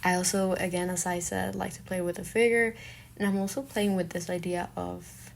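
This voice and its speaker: With slight background noise, a mid-range voice that's a little mellow and has vocal fry introduces itself informally. It's a young Colombian-accented woman, native in Spanish, reflecting on her life as an artist and fine arts student.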